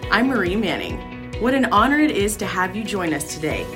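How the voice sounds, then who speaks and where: A woman's voice: medium pitch, sing-song, brisk. A woman reading a scripted podcast introduction as its announcer. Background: music.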